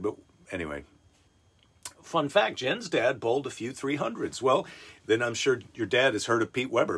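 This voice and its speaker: Husky low-voiced man rambling. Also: a bit bright. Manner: digressive storytelling, chuckles and self-corrections. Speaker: comedian hosting a daily live stream. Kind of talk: casual rambling monologue.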